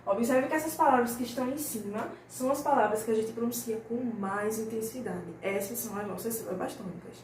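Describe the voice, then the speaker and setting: Patient teacher, roomy distant sound. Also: female voice, on the high side, darkish tone. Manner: patient, stretches out example words slowly, checks in with "tá bom?". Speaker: primary school teacher. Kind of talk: recorded remote class lesson. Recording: roomy, from the mic, faint noise.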